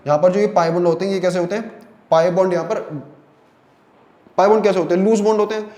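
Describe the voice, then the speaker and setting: A man's voice: high voice, mellow, roomy sound. A man teaching a chemistry lesson in Hindi, explaining step by step and often checking whether students follow. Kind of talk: online lecture.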